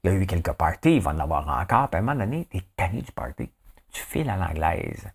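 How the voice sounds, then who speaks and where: A man with a Québécois accent hosting a live show, chatting casually with viewers in an animated way and often checking in with them. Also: low voice, very fast, vocal fry, husky. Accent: Québécois French. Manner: animated, chatty, keeps asking "hein?".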